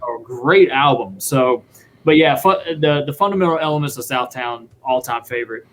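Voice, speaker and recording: A man, a guest drummer, telling a story in a casual, excited, rambling way. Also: medium pitch, moderate pace, slight background noise. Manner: excited, rambling, acts out quotes.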